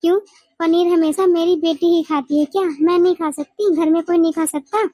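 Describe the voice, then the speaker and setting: A woman's voice: extremely high pitch, fairly even intonation, a little fast, mellow, no room sound. A woman voicing a bossy, scolding mother-in-law in a family cartoon. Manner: nagging, scolding.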